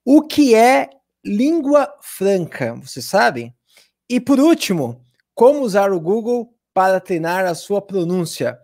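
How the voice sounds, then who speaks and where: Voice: mid-range voice, big pitch swings, unhurried, darkish tone. An English teacher with a Brazilian Portuguese accent giving a chatty, upbeat live online lesson and talking straight to the viewers.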